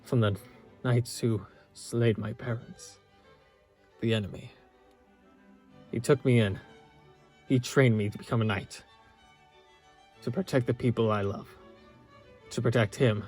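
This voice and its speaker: In a romantic audio roleplay, a man plays a loyal young knight, the princess's tender childhood-friend lover, speaking gently and earnestly with halting pauses. His mid-range voice is husky and steady in tone, fond and earnest in mood. Orchestral music plays behind him.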